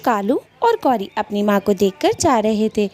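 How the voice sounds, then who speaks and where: A woman's voice: medium pitch, sing-song, normal speed, darkish tone. Woman narrating a cartoon story.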